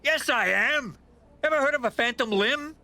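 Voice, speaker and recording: A man's voice: very high-pitched, moderate pace, pushed and bright, exaggerated voice. An actor playing a mischievous, goofy man in an adult cartoon, taunting and theatrical.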